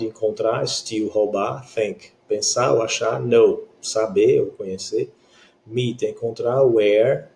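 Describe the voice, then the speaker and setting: With a Brazilian accent, a man teaches English grammar in Portuguese, explaining patiently and checking regularly that students follow along. His mid-range voice is gravelly and dark, and there is slight background noise.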